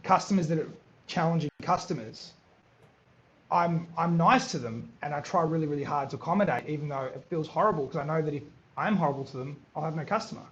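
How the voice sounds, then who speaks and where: A man, chatting as a podcast guest, animated and repeating words as he tells stories. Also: a little high, quick pace, dull audio, slight background noise. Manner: animated, repeats words, acts out others in quotes. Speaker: podcast guest, business owner. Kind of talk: casual interview chat.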